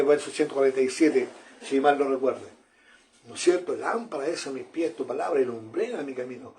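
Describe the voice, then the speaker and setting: A man's voice: on the high side, darkish tone, a little hiss or hum. A man, preaching a sermon in an earnest manner, often repeating phrases and calling his listeners brother.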